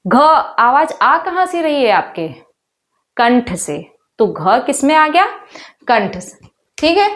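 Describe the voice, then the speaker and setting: A woman teacher going through exam questions, asking her students questions and saying each sound aloud for them to repeat. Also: sits high. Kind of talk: exam-prep lesson.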